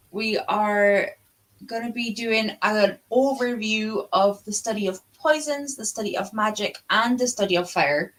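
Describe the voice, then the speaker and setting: A woman with a mid-range, fairly bright voice co-hosts a book readalong live stream, heard through a live-stream video call. She chats casually and rambles, easily sidetracked and full of chatty asides.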